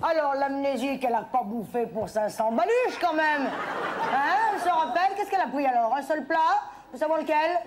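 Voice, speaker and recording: A woman comedian performing an exasperated, bossy stand-up sketch on a TV stage, ranting and at times shouting. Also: sits high, lively intonation, moderate pace, a crowd in the background, background noise. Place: TV studio stage with audience. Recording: archive TV stage recording with audience laughter. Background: audience laughter.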